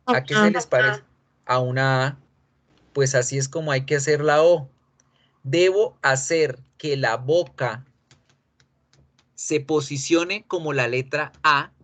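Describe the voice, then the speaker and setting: A male English teacher who gives a pronunciation lesson and patiently repeats model words slowly. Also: fairly high pitch, a bit bright.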